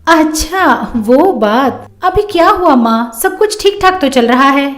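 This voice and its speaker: A woman's voice: lively intonation, slow. A woman voicing a spoiled young married daughter who pleads to her mother in a storybook tale. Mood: light. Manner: high, pleading.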